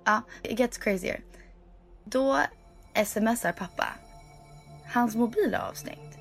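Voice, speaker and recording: A woman's voice: a little high, creaky. Young woman telling a spooky story, switches into english a lot, faint music behind. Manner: animated storytelling mixing Swedish and English. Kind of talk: casual chat.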